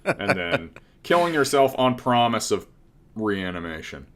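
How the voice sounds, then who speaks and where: This late-thirties male podcast co-host keeps things casual, trading dry, sarcastic jabs. He speaks unhurriedly in a medium-pitched, fairly bright voice whose pitch swings widely.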